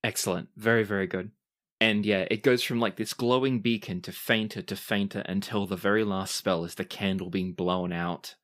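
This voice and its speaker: A game master narrates a tabletop roleplaying game, using vivid, dramatic descriptions and carefully timed delivery. His voice is low, with a fairly level intonation.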